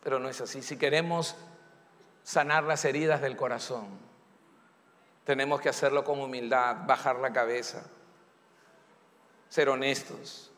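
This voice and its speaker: Bright-voiced preacher in an echoing hall. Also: male voice, mid-range voice, fairly even intonation, a little slow, pauses often. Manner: emphatic preaching, acting out pleas and excuses. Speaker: pastor. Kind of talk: sermon. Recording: echoey church hall.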